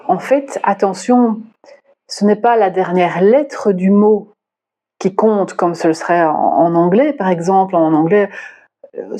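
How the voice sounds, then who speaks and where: A woman's voice: fairly low pitch, warm tone, breathy edge. A woman, working as a communication consultant, tells a personal story in a casual monologue and thinks aloud with hesitations as she talks. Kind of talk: casual explanatory monologue to camera.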